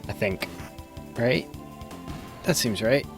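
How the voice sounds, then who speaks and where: A man's voice: medium pitch, slow, faint music behind. A man giving casual, rambling live commentary as he plays a video game, thinking aloud.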